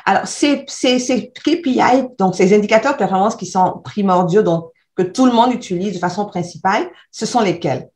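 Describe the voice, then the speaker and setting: A woman hosting a podcast interview, asking clear, structured questions and summing up. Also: medium pitch, normal speed, hardly any pauses, a little mellow. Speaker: podcast host.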